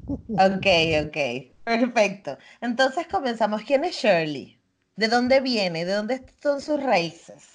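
A woman hosting a podcast, opening the interview in an excited, enthusiastic way. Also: fairly high pitch, slow pace. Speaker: podcast host.

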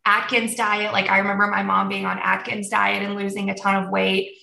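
A woman in her thirties, born in Germany and raised in the United States, tells her own story as a podcast guest, speaking openly and reflectively with lots of ums and soft laughs. Her medium-pitched voice is brisk and monotone, with vocal fry. The recording is roomy and picked up from a distance.

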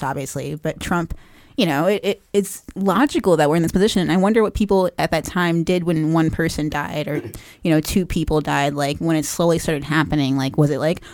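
A woman's voice: low-pitched, a little mellow, dry recording, studio quality. A woman co-hosting a political podcast, chatting in a thoughtful, conversational way. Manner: conversational, thoughtful, quick to laugh. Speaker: podcast co-host. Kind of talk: casual political chat.

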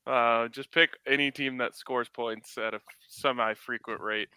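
A man talks casually as a sports podcast host, informal and joking. His voice is bright and crisp at a middling pitch, with a dry, close sound. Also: fairly even intonation, measured pace, dry recording. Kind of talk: casual sports betting chat.

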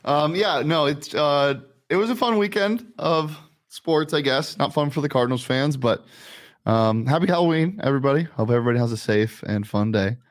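A man hosting a sports betting show, chatting casually and rattling off his picks with quick exclamations. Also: on the high side.

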